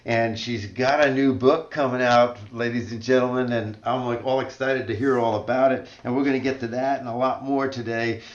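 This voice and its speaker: A man's voice: mid-range voice, steady tone, normal speed, few pauses. A man hosting a casual interview, chatty and a bit rambling. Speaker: host. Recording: roomy, dull lo-fi sound.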